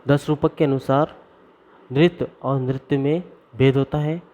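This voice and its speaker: Slow deliberate male Sanskrit teacher. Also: medium pitch, steady tone, warm tone. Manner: slow, deliberate, drawn-out recitation of grammar formulas. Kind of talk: classroom lesson. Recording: dull lo-fi recording.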